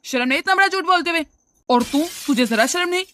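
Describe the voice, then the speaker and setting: A woman's voice: extremely high pitch, expressive, fast talker, fairly bright tone, a little hiss or hum. A woman voicing a stern scolding father. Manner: lecturing, reproachful. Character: stern scolding older father-in-law, man. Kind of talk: cartoon voice acting.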